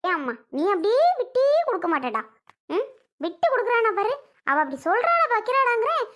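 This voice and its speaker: A woman's voice: very high voice, big pitch swings, brisk, fairly bright tone, full character voice. A woman doing a nagging old mother-in-law. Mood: grumbling. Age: older. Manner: scolding, nagging. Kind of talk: family skit acting.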